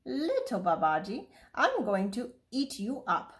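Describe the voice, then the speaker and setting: A woman voicing a greedy, boastful jungle tiger in a storybook read-aloud, speaking slowly. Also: a little high, wildly swooping pitch.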